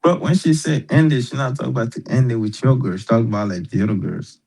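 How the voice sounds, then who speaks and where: Male host, husky, easygoing slang, mid pitch. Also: fast, low-quality recording. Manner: relaxed slangy talk. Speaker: podcast host. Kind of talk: casual banter.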